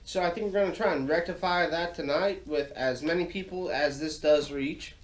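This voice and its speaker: A man's voice: fairly high pitch, moderate pace, a little hiss or hum, rough recording. An American man hosting a solo podcast from his garage, talking in an informal, folksy, rambling way while recovering from sinus surgery with throat trouble. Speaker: podcast host. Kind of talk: casual solo podcast monologue. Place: home garage.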